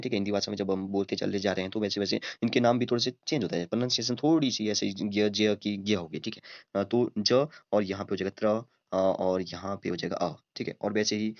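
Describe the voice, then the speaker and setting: A man teaching grammar at a board, talking slowly with many fillers and frequent checks with his students. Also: lowish voice, no room sound. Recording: dull lo-fi dry sound.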